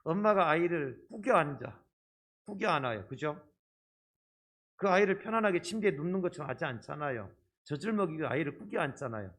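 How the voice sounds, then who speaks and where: A male pastor delivers a sermon with his voice coming through a face mask. It sits a little high for a man. He explains patiently to the congregation, checking in with short rhetorical questions. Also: fairly bright tone. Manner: speaking through a face mask, slightly muffled. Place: church service.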